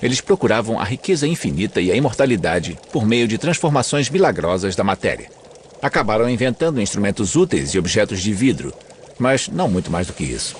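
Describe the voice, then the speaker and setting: A man's voice: on the low side, very animated, fairly quick, slight background noise. A man with a Brazilian accent reading scripted documentary narration as a dubbed voice-over. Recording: music under the voice.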